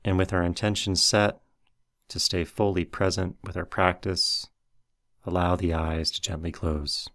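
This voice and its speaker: In a guided meditation, a low-voiced man reads from a script, giving instructions at a measured pace. His delivery is flat, and his tone is fairly bright.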